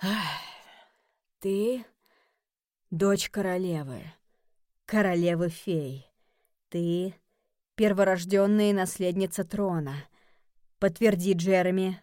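Lady reader playing a slow, grave male goat-ish creature, storybook style, dry recording. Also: lowish voice, a little mellow, no echo. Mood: solemn.

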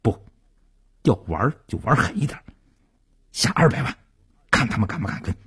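A male storyteller voicing a scheming male gambling accomplice who talks in a hushed, conspiratorial way. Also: medium pitch, sing-song, normal speed, slightly rough, no echo, studio quality, exaggerated voice. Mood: firm.

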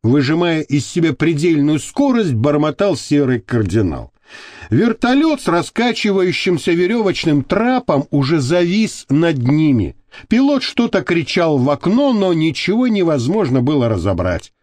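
A man narrating an audiobook in a measured, expressive way, close to the mic. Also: fairly high pitch, no room sound.

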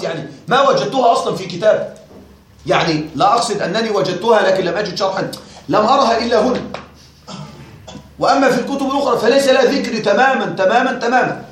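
Male teacher, classroom lecture, high voice, wry questioning tone, strong room echo. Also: slight background noise. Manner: questioning, wryly puzzled, addresses students directly. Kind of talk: classroom lecture on a grammar text. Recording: very echoey room.

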